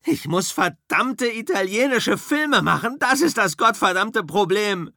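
A man's voice: medium pitch, animated, moderate pace, a bit bright, no room sound, studio quality, pitched above the performer's own voice. A man reading an audiobook, voicing a bitter, hot-tempered male actor who rants and curses about his failing career. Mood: ranting. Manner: angry, cursing, ranting. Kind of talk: audiobook character voice.

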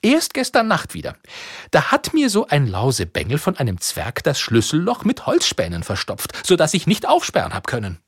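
Audiobook: male reader playing a sly old witch, husky, high and fussy, up and down in pitch. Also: huge pitch swings, normal speed, no room sound, studio quality, heavily acted. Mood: grumbling.

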